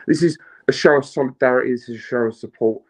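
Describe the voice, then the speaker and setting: A man's voice: mid-range voice, quick pace, darkish tone, poor audio. A man joining a live stream as a guest, bantering and making a playfully solemn speech of support. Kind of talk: joking banter.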